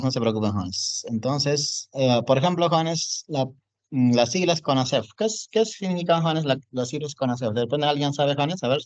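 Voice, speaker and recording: In a dull, dry recording, a medium-pitched man with a darkish tone lectures an online class while typing on screen. He keeps asking the students if they're following, frequently saying "jóvenes" and "¿no es cierto?"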